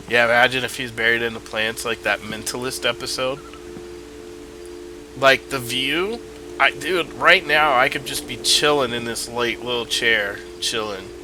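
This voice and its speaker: Stuffy-nosed and rambling, a man streams himself playing a video game, casually thinking out loud in let's-play style. His voice is medium-pitched, and the recording quality is low.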